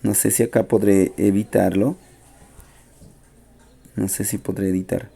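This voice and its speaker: A man teaching an English grammar lesson in Spanish. He is patient, repeats the key points and slows down for the English example sentences. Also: fairly low pitch, flat delivery, creaky, warm tone, slightly rough.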